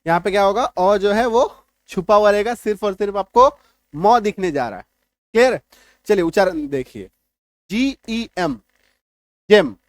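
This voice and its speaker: High-voiced man teaching step by step. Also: no room sound. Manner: explains step by step, asks "ठीक है?" often; repeats phrases and spells words out. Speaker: English teacher. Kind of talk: online spelling lesson.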